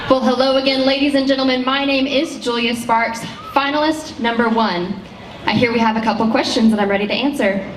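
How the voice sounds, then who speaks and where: A woman's voice: fairly high pitch, fairly even intonation, fairly quick. A woman contestant addressing an audience from a stage in a projected, formal delivery. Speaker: auctioneer championship finalist. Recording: roomy PA sound, distant, faint noise.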